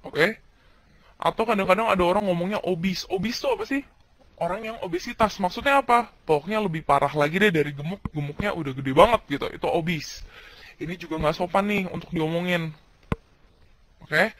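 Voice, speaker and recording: Man, high voice, chatty video lesson, quizzes himself as he teaches. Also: fairly bright tone. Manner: chatty, slangy, asks and answers own questions. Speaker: English teacher.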